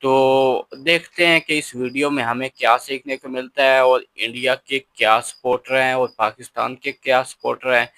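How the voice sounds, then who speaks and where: Man, reaction-channel host, chatty intro, bright dry close-mic voice. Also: medium pitch, fairly even intonation, normal speed, hardly any pauses, dry recording. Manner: chatty, asks viewers to subscribe. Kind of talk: casual video intro.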